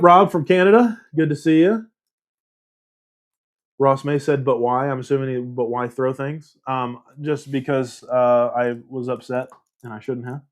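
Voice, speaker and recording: A man casually hosting a livestream, reading viewer comments aloud and rambling with self-deprecating laughs. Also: mid-range voice. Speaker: livestream host.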